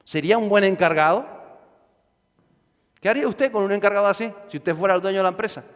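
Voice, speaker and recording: Pastor preaching in a reverberant hall. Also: male voice, sits high, fast talker. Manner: conversational, rhetorical questions, repetition. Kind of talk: sermon.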